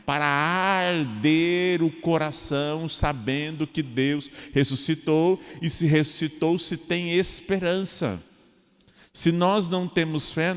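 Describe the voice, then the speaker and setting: A man, a parish priest from Brazil, giving a homily with lively, joking delivery and little acted-out voices of everyday people. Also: fairly high pitch, in a large hall.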